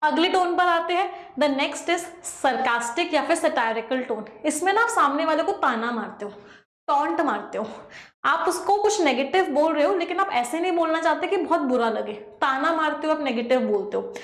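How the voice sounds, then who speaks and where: A woman teaching an exam-prep lesson in a lively way, asking the class rhetorical questions. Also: high-pitched, moderate pace, echoey room. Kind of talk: online lesson.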